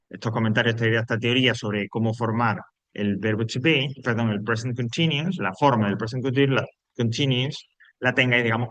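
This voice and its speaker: A man's voice: lowish voice, fairly bright tone, dry recording. Patient man teaching English grammar. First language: Spanish. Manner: patient, repeats rules step by step. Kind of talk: recorded online grammar lesson.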